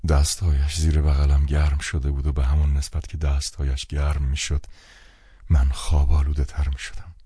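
A man narrating a novel as an audiobook in calm, measured first-person storytelling. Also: extremely low pitch, breathy edge, no echo, studio quality. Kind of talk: scripted narration.

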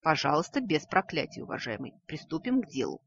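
A woman reading a story, voicing a tall, thin, politely flattering male creature who smooths over every quarrel. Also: low-pitched, a little fast, no room sound, muffled recording, full character voice. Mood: placating.

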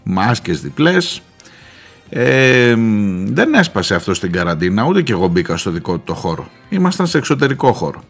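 A man, a journalist, telling a wry anecdote on the radio with lively asides. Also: on the low side, soft background music. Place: radio studio.

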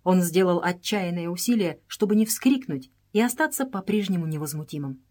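A woman narrating an adventure novel as an audiobook in a steady, even reading voice. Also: fairly low pitch, a little fast. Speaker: audiobook reader. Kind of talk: scripted narration.

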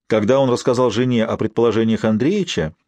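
A man reading an audiobook in expressive, measured scripted narration. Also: mid-range voice, no room sound.

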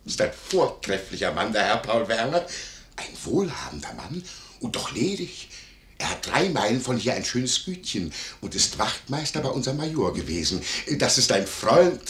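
An actor playing a nosy, wheedling innkeeper in a 1950s radio play, gossiping in a lively way. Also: male voice, mid-range voice, normal speed. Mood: effusive. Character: nosy, fawning male innkeeper, middle-aged. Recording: echoey 1950s radio studio.

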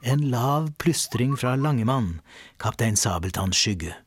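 A man narrating a children's audiobook in a lively storytelling manner. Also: mid-range voice, a little hiss or hum. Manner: lively storyteller, voices all the characters.

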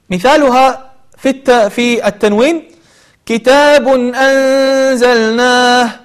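A man teaching the rules of Quran recitation. He explains each rule and then recites examples slowly, repeating them. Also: very high-pitched. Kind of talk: tajweed lesson.

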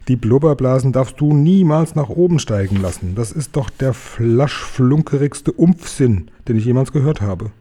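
A man's voice: medium pitch, lively intonation, normal speed, warm tone, slightly rough. A man voicing a big friendly male giant who boasts and mangles his words, drawn out and exclaiming in a raised voice. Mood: indignant.

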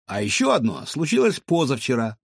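A man's voice: mid-range voice, wildly swooping pitch, fairly quick, husky, no echo, studio quality, full character voice. A man reading a children's audiobook, voicing an earnest, nerdy young male animal detective. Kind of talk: audiobook character voice.

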